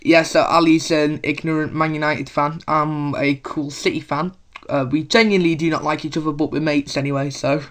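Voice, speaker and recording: A man's voice: on the high side, flat delivery, normal speed, a bit bright. A man co-hosting a casual football podcast. He rambles, with many fillers and restarts. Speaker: podcast co-host.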